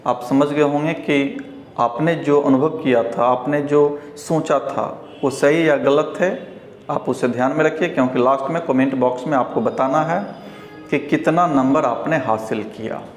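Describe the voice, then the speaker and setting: A man with a Hindi accent teaching English pronunciation at a board, repeating each word slowly and with care. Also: on the high side, faint music behind. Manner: slow, deliberate, repeats each word several times. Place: classroom with a board. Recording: echoey room with faint ambient noise.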